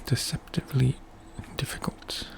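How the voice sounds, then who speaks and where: A man giving soft-spoken ASMR game commentary in a hushed, whispery voice, musing aloud in short phrases. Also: normal speed. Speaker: video game player commentating.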